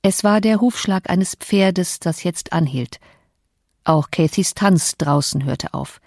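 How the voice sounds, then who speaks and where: Woman audiobook narrator, measured and expressive, dry close sound. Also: fairly low pitch, no room sound. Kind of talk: scripted narration of a classic novel.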